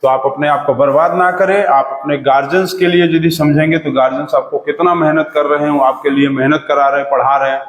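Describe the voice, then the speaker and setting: A man's voice: fairly high pitch, steady tone, fairly quick, hardly any pauses, lo-fi sound. A man giving a chemistry lesson in a chatty, repetitive way, coaxing his students along. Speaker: teacher. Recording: echoey room with long reverb.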